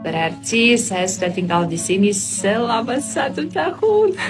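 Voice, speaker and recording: A woman's voice: a little high, very animated, measured pace, music in the background. A young woman from Poland with a Polish accent, speaking as a foreigner in a learned language with some hesitation, in a casual vlog. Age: young adult. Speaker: vlogger, master's student.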